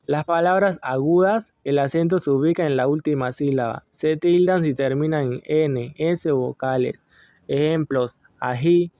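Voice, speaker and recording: A man reading class notes aloud in a measured, list-like way, with occasional slips. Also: on the high side, a little mellow, no echo. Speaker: student presenter.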